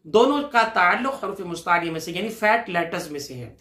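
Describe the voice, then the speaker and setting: A man teaching Quran recitation. He chants each word slowly and draws it out, has the listener repeat after him, then explains briskly and answers his own questions. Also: high voice, expressive, sharp tone, roomy sound. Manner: patient, asks questions to the listener and answers them himself. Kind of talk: recitation lesson with call-and-repeat.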